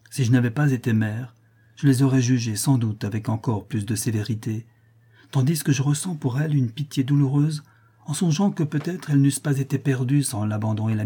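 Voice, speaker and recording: A man's voice: mid-range voice, mellow, breathy edge, natural voice. A man voicing a tender, devout noblewoman in an audiobook reading, speaking with earnest admiration. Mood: compassionate.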